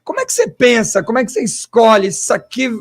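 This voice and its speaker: A man, a historian hosting an interview, asking long questions and thinking aloud in an animated way with rhetorical asides. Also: extremely high pitch, quick pace, soft background music. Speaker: host and historian.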